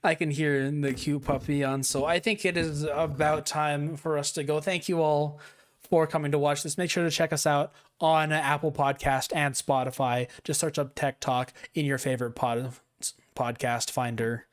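A man's voice: fairly high pitch, little pitch movement, normal speed. A young man hosting a podcast in casual chat, rambling and self-mocking, laughing often. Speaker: podcast host.

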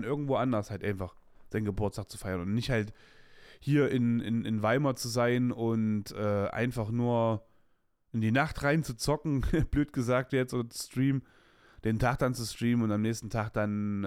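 A man in his late twenties hosts a podcast, speaking in a medium-pitched voice with clean studio sound and no echo. It's a casual personal monologue, rambling and candid, full of slang and restarts.

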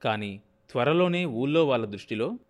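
A man narrating a novel as an audiobook, in a steady, measured storytelling manner. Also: medium pitch.

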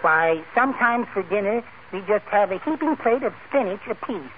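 In 1940s radio comedy style, an actor with a high, animated voice plays a meek, timid, henpecked little man with a mild, mincing manner, sounding plaintive. He speaks at normal speed on an old, thin, tinny radio recording with heavy noise.

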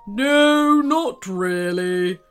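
A woman's voice: mid-range voice, expressive, drawn-out words, smooth, soft background music. Woman voicing a grumbling old volcano. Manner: grumbling, miserable, sighing. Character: huge grumpy old volcano with a stomachache.

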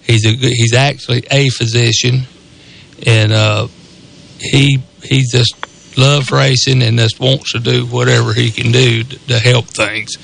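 A man's voice: medium pitch, little pitch movement, a little slow, creaky, a bit bright, slight background noise. A man with a Southern US accent and a rural drawl, rambling casually as co-host of a sports radio show. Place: radio studio.

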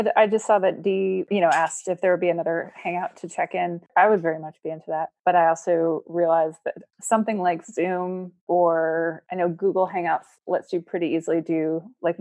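Woman, lowish voice, upbeat and casual; dry sound. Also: level tone, moderate pace, mellow, no room sound. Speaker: participant at a virtual meetup. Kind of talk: casual chat at an online group call. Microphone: video call.

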